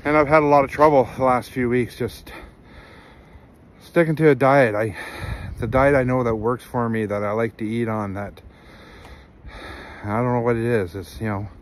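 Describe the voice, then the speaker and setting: A man's voice: mid-range voice, steady tone, normal speed. Middle-aged man, casual vlog, earnest rambling, lots of fillers, phone at arm's length, outdoors in winter, faint background noise. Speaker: vlogger. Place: outdoors on a snowy wooded trail in winter. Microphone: phone held at arm's length.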